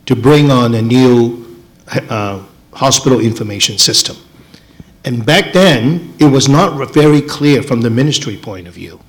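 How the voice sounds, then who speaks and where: Guy exec at a staff town hall, explaining stuff off the cuff, measured, kinda halting, medium pitch. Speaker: hospital chief executive. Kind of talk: unscripted town hall answer.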